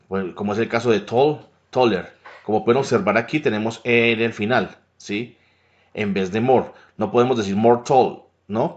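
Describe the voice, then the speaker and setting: Man teaching English grammar, lo-fi. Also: fairly low pitch. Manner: explanatory, checks in with frequent tag questions. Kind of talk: grammar lesson over slides. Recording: dull lo-fi recording.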